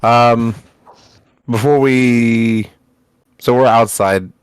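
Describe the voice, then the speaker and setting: A man's voice: medium pitch, steady tone, very slow, smooth, no echo. A man playing a tabletop game, asking loose, rambling questions in casual chat. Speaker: player.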